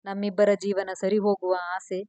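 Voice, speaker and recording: A woman storyteller narrating a romance in the first person, gentle and emotional. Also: medium pitch, completely flat delivery, moderate pace, no echo.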